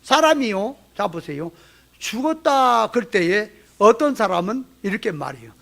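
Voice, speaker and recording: A man's voice: high voice, very animated, moderate pace, vocal fry, a bit bright. A pastor with a Jeolla accent preaching a sermon, folksy and full of rhetorical questions to his congregation. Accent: Jeolla Korean. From Jeolla, Korea. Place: church sanctuary.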